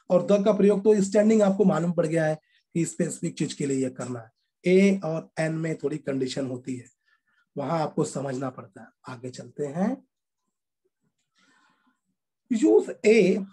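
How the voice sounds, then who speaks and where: A male teacher, walking young students through a grammar lesson. His voice is mellow and a bit husky, and he drags out key words and repeats them patiently. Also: sits high. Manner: explains slowly and repeats words, calls students children.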